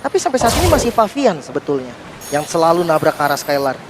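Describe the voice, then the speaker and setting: A man's voice: fairly high pitch, sing-song, quick pace, heavy background noise. A man giving live esports commentary in the manner of a fighting game announcer. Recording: music running behind the voice. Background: music.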